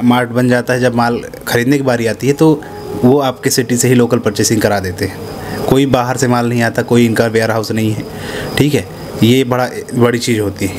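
A man in his thirties giving a casual pitch to camera about setting up supermarkets, chatty and full of tag questions, in a small office. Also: noisy background. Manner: conversational, repeats "है ना" and "ठीक है" tags. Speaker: business consultant pitching supermarket setup. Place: small indoor office room. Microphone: handheld clip mic held near chin.

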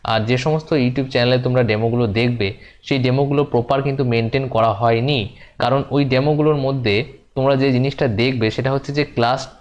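A man giving an explanatory lesson, talking to the viewer as if to a student. He circles back over his points and sometimes slips into a sing-song storyteller's voice for children. His pitch sits in the middle range. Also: fairly even intonation, fairly quick, lo-fi sound. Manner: chatty, talks to the viewer as "you", repeats points. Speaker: teacher-exam coach.

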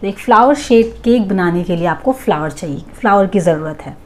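A woman teaching a grammar lesson, explaining in Hindi and reading English example sentences out slowly. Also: medium pitch, expressive, darkish tone.

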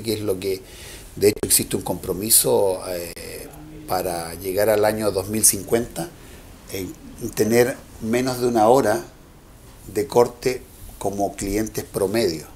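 A man's voice: lowish voice, a little mellow, a little hiss or hum. A man, an electricity regulator official, explaining technical matters in an interview with fillers and self-corrections.

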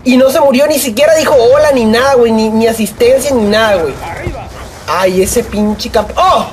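A young man with a Mexican accent giving live gameplay commentary, swearing, joking in rambling asides and yelling at opponents. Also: very high-pitched, moderate pace, crowd noise. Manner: profane, excitable, yells at opponents. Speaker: gaming YouTuber.

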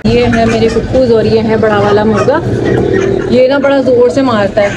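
A woman's voice: a little high, steady tone, moderate pace, heavy background noise. A young woman, chatting casually to her phone camera as she walks through her home. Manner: chatty, talks straight to camera. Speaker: vlogger. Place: home rooms and kitchen, indoors. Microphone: phone camera at arm's length.

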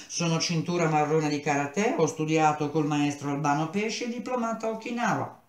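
A woman voicing a desperate, hysterical pale young man who shouts and pleads in a high, strained voice. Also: normal speed, roomy sound, close to an everyday voice. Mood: eager.

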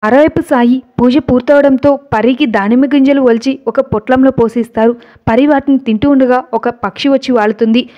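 A woman retelling a devotional serial episode in a steady, dramatic storytelling manner. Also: high-pitched, brisk, dull audio.

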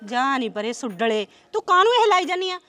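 A woman playing a boastful sister-in-law who argues quickly in a family drama. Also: high-pitched, faint music behind. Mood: bickering. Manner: bickering, animated.

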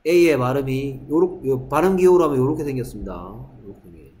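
A middle-aged man with an expressive, mid-range, darkish voice lectures quickly to a middle school class on English vocabulary. He repeats every word and poses rhetorical questions. The classroom echoes, with faint ambience behind him.

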